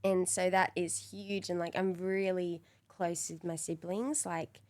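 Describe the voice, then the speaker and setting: A woman's voice: on the low side, steady tone, unhurried, a little mellow. A young Australian woman in her early twenties talks as a podcast guest. She is chatty and candid, giggling easily as she speaks. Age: 20s. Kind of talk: casual interview chat.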